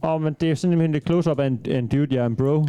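Hesitant man with a warm, dry voice. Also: fairly high pitch, clear, resonant tone, dry recording. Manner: hesitant, many fillers and restarts. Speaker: podcast co-host. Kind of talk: casual podcast chat. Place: studio.

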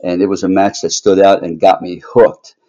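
A man's voice: low voice, little pitch movement, normal speed, mellow, lo-fi sound. A middle-aged American man from Maryland reminiscing casually as a podcast guest. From Maryland, United States.

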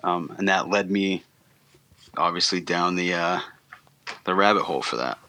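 A man guesting on a podcast, talking in a relaxed, rambling way with many ums and restarts. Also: sits low, moderate pace. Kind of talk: casual interview chat.

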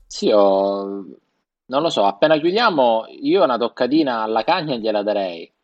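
A man's voice: medium pitch, lively intonation, normal speed, darkish tone, no echo, muffled recording. A man with a Sicilian accent, co-hosting a podcast in slangy, profane, joking casual chat. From Sicily, Italy. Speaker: podcast co-host.

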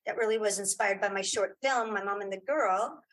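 As a guest in a casual interview, a podcaster and audio drama creator speaks emphatically and encouragingly, repeating phrases to make her point. Her voice is mid-range, fairly quick and fairly bright.

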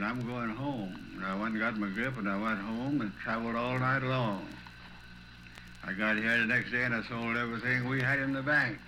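Speaking in a Tennessee Southern accent, an older man who once worked as a small-town banker recounts his memories folksily, playing out old conversations. His medium-pitched voice has a sharp tone, and the rough recording carries a little hiss or hum.

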